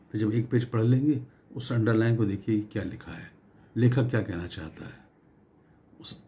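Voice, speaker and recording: Mellow-voiced man giving advice. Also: medium pitch. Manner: conversational, with hesitant fillers and repeated phrases. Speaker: network marketing speaker. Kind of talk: motivational talk.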